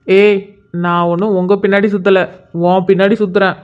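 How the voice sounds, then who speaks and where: A woman's voice: medium pitch, little pitch movement, normal speed, smooth, muffled recording, lightly acted. A woman voicing a cocky young male senior who taunts and pesters a girl in a bossy way, in a cartoon story. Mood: taunting.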